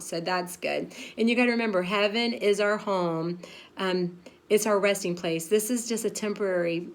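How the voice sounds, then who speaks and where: A woman in her fifties, a pastor's wife, giving a frank, chatty devotional talk with lots of fillers and laughing at herself. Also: medium pitch. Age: 50s.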